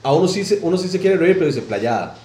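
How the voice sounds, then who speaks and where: A Costa Rican man with a Costa Rican accent co-hosts a podcast, chatting casually and telling slangy stories while laughing often. His voice is high-pitched and rapid-fire yet mellow, with a roomy sound.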